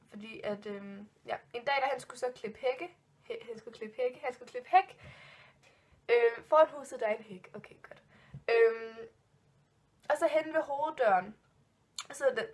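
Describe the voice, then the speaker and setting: A woman in her twenties tells ghost stories in a casual vlog, her fairly high voice rambling through lots of fillers and restarts. She sounds spooked and keeps giggling nervously.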